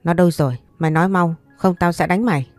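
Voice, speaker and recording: A woman's voice: lowish voice, quick pace, no room sound, faint music behind, close to an everyday voice. A woman voicing a harsh rural mother who scolds and threatens in a story reading. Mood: furious.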